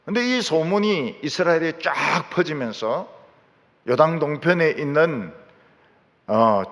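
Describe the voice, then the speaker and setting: A middle-aged male pastor delivers a sermon from the pulpit. His fairly high voice swings widely up and down, and he drives his points home by repeating them. His words carry a long reverb from a large sanctuary. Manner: emphatic, repeating key phrases, lively rising and falling delivery.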